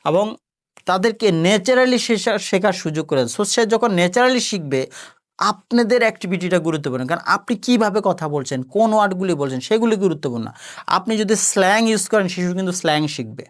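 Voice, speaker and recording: A man with a Bangladeshi Bengali accent gives an instructional talk to parents. His voice sits fairly high, and he repeats each point and slips English words and phrases into his speech. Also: animated, brisk.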